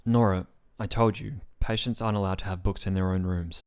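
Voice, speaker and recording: A man reading the part of a calm, rule-bound woman doctor in a storybook reading. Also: sits low, fairly quick, clean tone. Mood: placating.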